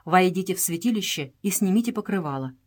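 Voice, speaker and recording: A woman's voice: lowish voice, animated, quick pace, a little mellow. A woman reading the lines of a devoted young Indian servant in an audiobook, deferential and full of urgent warnings.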